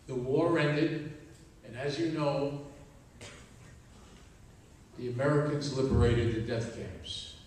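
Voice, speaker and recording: An older man recounts his wartime childhood to a school audience, slowing down and voicing the people in his story. His voice comes from some distance across a very echoey hall, with a faint hum of room ambience behind him. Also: medium pitch, a little mellow. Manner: slow, deliberate telling with quoted dialogue. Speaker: Holocaust survivor speaking at a school. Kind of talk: personal storytelling to students. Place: school auditorium.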